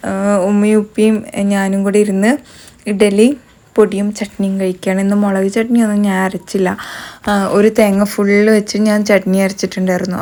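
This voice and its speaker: A woman's voice: medium pitch, darkish tone. A woman, chatting casually through her home cooking vlog. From Kerala. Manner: chatty, tags sentences with "you know". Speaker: vlogger. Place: home kitchen.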